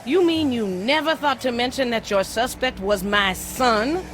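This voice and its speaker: A woman's voice: fairly high pitch, a little slow, a bit bright, slight background noise. A woman playing a fierce, irate older mother and shopkeeper in a video game. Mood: angry, demanding. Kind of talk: video game character acting. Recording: music behind the voice.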